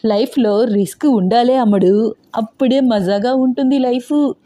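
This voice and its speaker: Bossy old grandmother for a storybook, loud and sly, with a mellow, raised voice, voiced by a woman. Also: fairly high pitch, moderate pace, pitched above the performer's own voice, natural voice. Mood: sly, confiding. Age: over 60. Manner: shouting, scolding, sly.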